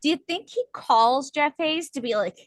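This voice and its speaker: A woman co-hosting a book podcast in casual chat, explaining points at length with lively emphasis. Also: high-pitched, moderate pace, no room sound. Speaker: podcast co-host.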